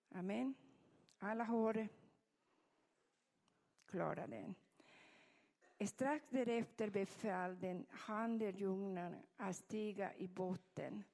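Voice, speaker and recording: A woman's voice: medium pitch, gravelly, darkish tone. A woman with a delivering an earnest sermon and reading scripture, often saying amen. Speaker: preacher. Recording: echoey hall with long reverb.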